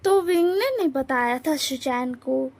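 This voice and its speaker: A woman's voice: sits high, expressive, a little slow. A woman casually narrating a story, chatty with many fillers and asides.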